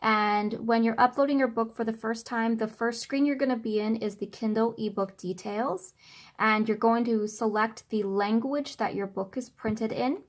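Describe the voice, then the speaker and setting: Speaking at normal speed with a fairly high pitch, a thirtysomething woman hosts a casual how-to video in a chatty, informal way. She's a self-publishing author and video host, filmed in a small furnished room at home using only her camera's built-in microphone.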